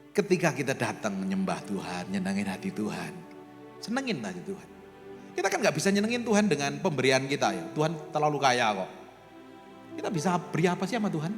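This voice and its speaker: Male preacher, East Javanese accent, highly animated delivery with wide pitch swings, in a long-reverb church hall. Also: fast talker, soft background music. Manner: animated, teasing the congregation with acted-out quotes. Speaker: pastor. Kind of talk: sermon.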